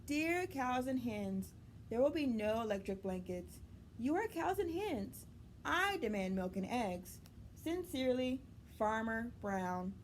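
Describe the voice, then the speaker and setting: Woman voicing an exasperated, slow-spoken storybook farmer. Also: a little high, expressive, a little hiss or hum. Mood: stern, demanding. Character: exasperated, stubborn male farmer in a children's storybook.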